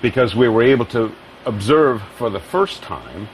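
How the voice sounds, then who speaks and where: A man's voice: medium pitch, sing-song, normal speed. A man speaking unscripted as a research scientist interviewed for a nature documentary. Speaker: deep-sea research scientist. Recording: clearly noisy location sound.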